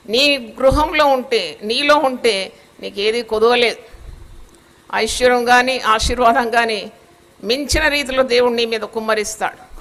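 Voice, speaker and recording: Woman pastor, preaching a sermon; high, bright, forceful and scolding.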